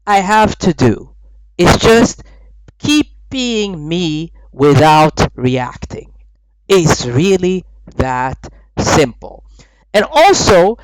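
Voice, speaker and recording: His voice sits high, in a low-quality recording with no room sound. The speaker, a Swedish dating coach in his thirties, offers relaxed voice-over commentary recorded apart from the footage and frequently adds "right?".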